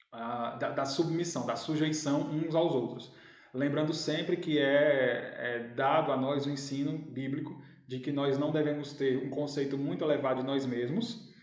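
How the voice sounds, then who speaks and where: A man teaches a Bible study in a thoughtful way, pausing often between phrases. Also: fairly high pitch. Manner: thoughtful, many pauses and fillers. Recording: echoey room, slightly dull sound.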